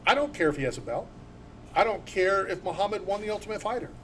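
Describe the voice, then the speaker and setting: A man's voice: high-pitched, animated, fast talker, fairly bright tone, slight background noise. A man hosting a sports talk show, talking in an opinionated, emphatic and rambling way. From born in Philadelphia. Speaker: sports radio host.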